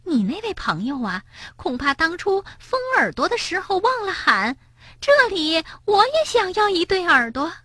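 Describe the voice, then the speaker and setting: 女声扮演的尖声尖气的小猪苏琪. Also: female voice, very animated, pushed and bright, no echo, exaggerated voice. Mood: mocking. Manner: squeaky, quick, teasing. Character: shrill, pushy, mocking young male piglet.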